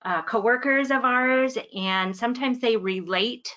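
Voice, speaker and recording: A woman consultant talks with eager enthusiasm, agreeing with others and building on their points. Her voice is bright and forward. The recording is slightly muffled. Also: fairly high pitch, unhurried. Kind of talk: panel discussion.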